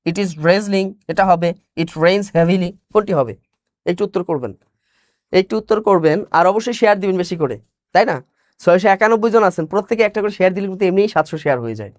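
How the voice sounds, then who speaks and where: A teacher runs a live online exam class. The voice sits at a middle pitch and is recorded close and dry, with no room sound. The teacher asks question after question, answers each one and repeats the key words. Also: expressive, quick pace, no room sound.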